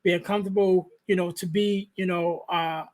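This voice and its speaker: A podcast host with a light, high male voice leads a conversational interview on a podcast microphone. He is soft-spoken and halting, restarting phrases and leaning on fillers as he thinks aloud, with fairly even intonation.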